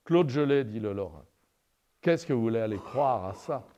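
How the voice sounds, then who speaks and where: A man's voice: mid-range voice, lively intonation, normal speed, dark tone. Man lecturing, peppered with "n'est-ce pas". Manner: tells a story and asks "n'est-ce pas?" over and over; hesitant, with many "euh" and restarts. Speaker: lecturer in artistic anatomy. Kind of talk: university lecture with slides. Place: lecture room, commenting on projected slides.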